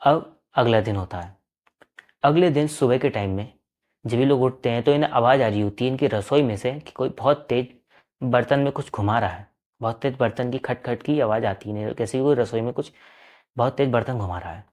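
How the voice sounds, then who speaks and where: A man's voice: mid-range voice, a little fast, darkish tone. Conversational male horror storyteller. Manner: plain conversational retelling. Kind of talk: storytelling narration.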